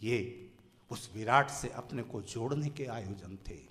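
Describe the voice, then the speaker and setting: A man preaching a sermon in a large hall, with impassioned oratory that swings from loud declarations to hushed, drawn-out lines. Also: mid-range voice. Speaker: Arya Samaj preacher. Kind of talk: Hindi sermon on national pride. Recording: long hall reverb.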